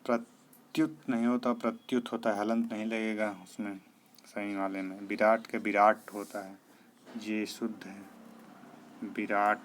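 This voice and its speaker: A man from India teaching an exam-prep spelling lesson, drilling word pairs, repeating the correct form and checking with "clear?". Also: lowish voice, level tone, a little slow, slight background noise. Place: coaching classroom.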